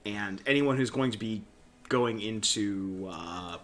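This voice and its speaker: A man co-hosting a let's play, joking crudely and reacting excitedly to the game. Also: lowish voice, takes it slowly. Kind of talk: casual gaming banter.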